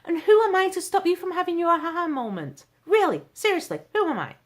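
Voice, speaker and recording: A middle-aged woman vlogging an excited motivational recap, emphatic and self-deprecating, laughing often and dropping to near-whispers. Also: extremely high pitch, a little fast. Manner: bubbly and emphatic, swings between loud bursts and near-whispers. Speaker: social media vlogger.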